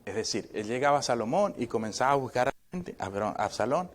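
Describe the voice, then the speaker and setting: Man, pastor, sermon, conversational preaching, tag questions to the congregation, middle-pitched voice. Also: animated, fast. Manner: joking asides with laughter. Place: church.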